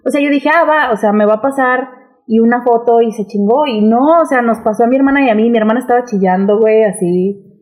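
A woman with a Mexican accent, co-hosting a casual chat, telling a story in a lively, slangy way. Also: fairly high pitch, quick pace. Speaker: podcast co-host.

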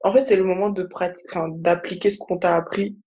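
A young woman from Africa talking casually and thoughtfully, often pausing with fillers. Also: lowish voice, fairly even intonation, mellow, husky, lo-fi sound. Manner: reflective, hesitant with fillers. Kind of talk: casual chat.

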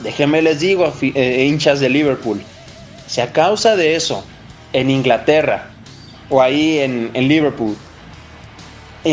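A man with a Mexican accent hosting a football show, giving casual, blunt opinions in slangy, emphatic speech. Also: fairly high pitch.

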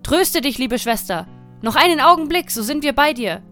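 A woman's voice: high voice, sing-song, moderate pace, a bit bright, faint music behind, pitched above the performer's own voice. A woman playing a brave, urgent young brother. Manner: urgent, reassuring. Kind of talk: fairy tale reading.

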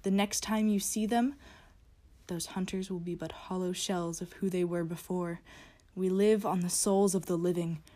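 A woman voicing a cold, menacing creature of the night, with loud threats that drop into hissing whispers. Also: fairly low pitch, fairly even intonation, normal speed, natural voice. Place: closet.

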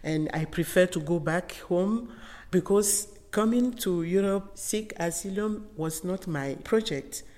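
Middle-aged woman, Togolese accent, unhurried and halting interviewee, lowish voice, long room reverb. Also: darkish tone. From Togo. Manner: halting, non-native English phrasing. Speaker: interviewed photographer. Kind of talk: personal recollection in an interview. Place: indoors in an exhibition gallery with long reverb.

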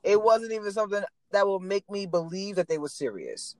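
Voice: medium pitch, animated, fairly quick, no echo, poor audio. A co-host, talking bluntly and profanely in a laid-back podcast chat. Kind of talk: casual smoke-session chat.

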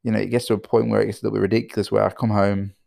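A man's voice: fairly low pitch, little pitch movement, racing, vocal fry, mellow, no echo, clean studio sound. A tired British man hosting his own podcast, talking on in a rambling way with many fillers and repeated words. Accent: British English. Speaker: podcast host and entrepreneur. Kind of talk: solo podcast monologue.

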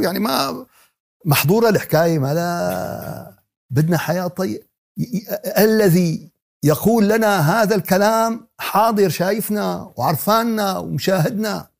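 A man with a Levantine Arabic accent teaching a religious lesson in colloquial dialect, with plenty of jokes and rhetorical questions. His voice sits high and swings widely in pitch, and he talks fast. The tone is gravelly and husky. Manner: animated, joking, many rhetorical questions. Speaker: Quran teacher.

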